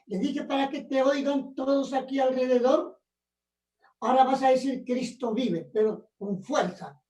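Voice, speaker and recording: High, slow woman preaching in an echoey room. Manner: emphatic, rising to shouts on key phrases. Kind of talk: sermon with a personal testimony. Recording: echoey room, mic at a distance.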